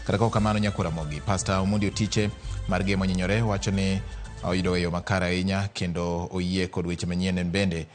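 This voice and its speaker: A man's voice: deep voice, level tone, fast, soft background music. A man presenting the news on television in a scripted broadcast style.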